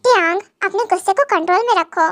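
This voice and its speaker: Gentle lecturing mom, voiced by a woman, fan audio drama, very high. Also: quick pace, no room sound, clean studio sound. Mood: soothing. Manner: soothing, lecturing. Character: gentle, reassuring mother.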